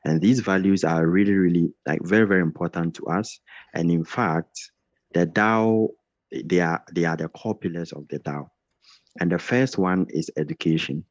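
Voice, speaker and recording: On a video call, a man with a low voice hosts an onboarding session, giving a welcoming group presentation at a normal speed. He's earnest and repetitive and keeps restarting his phrases. The call audio is dry and dull.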